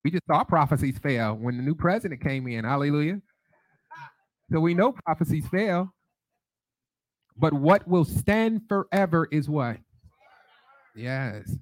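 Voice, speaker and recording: A man's voice: fairly high pitch, lively intonation, unhurried, long pauses, dry recording, poor audio. A man with a Detroit accent preaching a sermon, leading call-and-response and telling stories. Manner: sings prayer lines, then teaches with call-and-response and storytelling.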